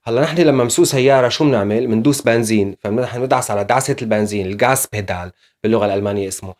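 A man's voice: medium pitch, very fast, darkish tone. A man teaching German in a casual video lesson, explaining step by step with frequent fillers.

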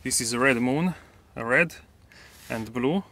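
A car reviewer speaks casually with a mid-range voice while doing a walkaround review. He sounds relaxed but halting, full of fillers and restarts. Filmed on a handheld phone camera, he starts inside a parked car and then moves outdoors to a dealership lot.

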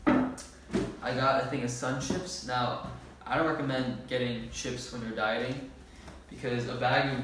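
In his early twenties, the speaker is a fitness vlogger doing an easygoing grocery haul, full of slang. The camera sits a few metres away in a bare-walled indoor space, so his mid-pitched voice comes across distant, heavily echoed and slightly noisy.

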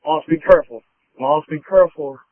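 At an emergency scene, a policeman repeats short, urgent commands into his handheld radio. He speaks briskly in a slightly high voice without echo, and the transmission sounds tinny and band-limited.

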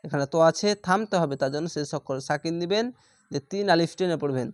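A man teaching Quran reading, sounding out each letter and syllable slowly and patiently in a step-by-step lesson. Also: on the high side, dry recording. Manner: slow, drawn-out syllable-by-syllable recitation.

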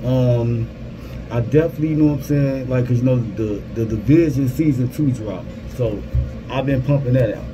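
A man's voice: medium pitch, normal speed. A man in his thirties giving a casual vlog update through a cloth face mask, slightly muffled, informal and repeating his phrases. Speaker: gaming content creator. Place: small security guard booth. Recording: clear vehicle and ambient background noise.

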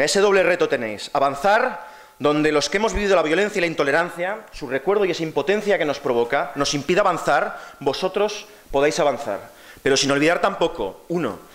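A young man, the outgoing secretary general, giving an impassioned farewell speech at a party congress. He speaks into a lectern microphone and builds to loud, emphatic cries. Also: on the high side. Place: congress hall, speaking to an audience.

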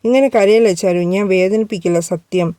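A possessive young man speaks low and coaxing in a storybook reading, played by a woman narrator. The voice is mellow and smooth, recorded close and dry. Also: brisk, no room sound, natural voice.

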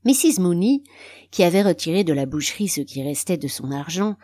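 Calm low-voiced woman reading a story. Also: a little fast. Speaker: audiobook narrator. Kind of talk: scripted literary narration.

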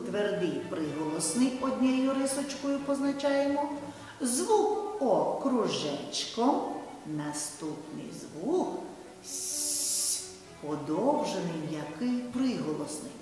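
Woman teacher talking slow and singsongy to little kids, far off in a big echoey hall, bit of music behind. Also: mid-range voice. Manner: slow, sing-song, addresses children directly. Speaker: primary school teacher. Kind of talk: video lesson for first graders. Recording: roomy hall, far mic, soft music.

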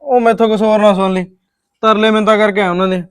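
A man's voice: sits high, flat delivery, quick pace, a bit bright, smooth, dry recording. Man playing a grumbling young Punjabi husband. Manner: grumbling, defensive. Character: young addicted husband, weary and evasive. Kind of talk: short-film drama acting.

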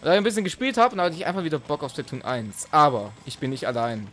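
Excitable joking man hosting a game video. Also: fairly high pitch, fast, slight background noise. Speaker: let's play host. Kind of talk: casual gaming commentary.

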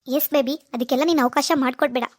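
A conspiratorial, doting cartoon mother voiced by a woman. She talks in a high voice at a rapid clip and coaxes her daughter along. The sound is dry and close-miked. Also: fairly even intonation, no room sound. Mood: advising. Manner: coaxing, conspiratorial. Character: doting, scheming middle-aged mother. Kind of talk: cartoon voice acting.

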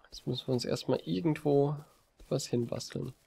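A man giving relaxed, rambling commentary over a video game from his desk, with frequent hesitations. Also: medium pitch, moderate pace, gravelly, slightly rough. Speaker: let's play gamer. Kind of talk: casual gameplay commentary. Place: home desk. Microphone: desk mic on a stand.

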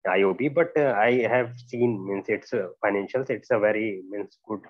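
A young man giving halting, deferential answers as a candidate in a job interview. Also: fairly low pitch, no echo. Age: young adult. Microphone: earphone mic on a video call. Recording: dull lo-fi video call audio.

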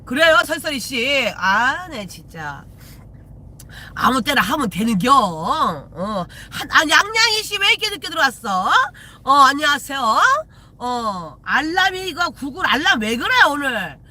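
A woman's voice: high-pitched, big pitch swings, unhurried, sharp tone. A woman, a shaman chatting casually with viewers on a live stream from her car, teasing and swearing freely. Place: in a car while driving.

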